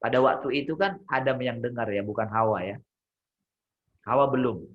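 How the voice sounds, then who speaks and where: A man's voice: mid-range voice, moderate pace, lo-fi sound. A man leading an interactive Bible study on a video call, talking conversationally, asking the group questions and often searching for words. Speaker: Bible teacher.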